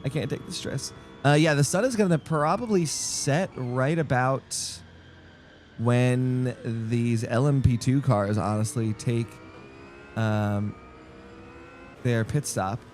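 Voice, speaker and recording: A man's voice: mid-range voice, slow, darkish tone, a little hiss or hum. A young man rambling through casual live-stream commentary on a sim race, jokey and easily distracted. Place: home streaming setup.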